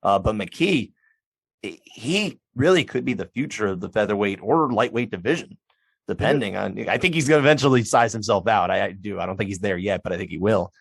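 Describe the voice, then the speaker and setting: This man co-hosts a sports podcast in a lowish, creaky, slightly rough voice with lively intonation and no echo. He chats on at length, frequently restarting sentences and slipping into quick impressions of others.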